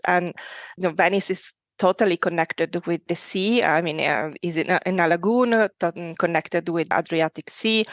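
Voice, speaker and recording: A woman's voice: on the low side, dry recording. Italian woman guest on a podcast, thoughtful, lots of uh and restarts, muffled dry sound. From Italy. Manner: thoughtful, with frequent fillers and restarts. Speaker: project coordinator guest. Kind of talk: podcast interview.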